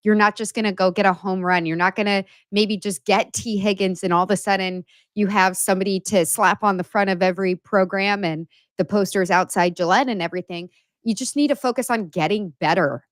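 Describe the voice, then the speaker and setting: A woman co-hosting a casual sports podcast, measured and analytical as she talks things through. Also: mid-range voice, no room sound. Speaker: podcast co-host and writer.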